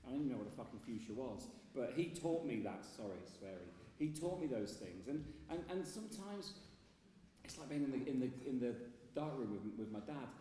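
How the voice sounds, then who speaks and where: British bloke interviewing, lively pitch, thoughtful halting talk, really echoey hall. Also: male voice. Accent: British English. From English Midlands. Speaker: interviewer, host. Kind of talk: reflective live interview chat. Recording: very echoey hall, distant mic, faint noise.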